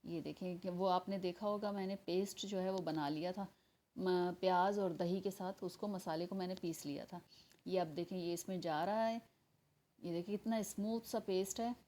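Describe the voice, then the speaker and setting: A woman's voice: fairly low pitch, fairly even intonation, moderate pace, dark tone. A woman with a Pakistani Urdu accent hosting a home cooking channel, chatting through a recipe step by step and speaking straight to her viewers. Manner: chatty, explains step by step, addresses viewers directly. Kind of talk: casual cooking tutorial voice-over.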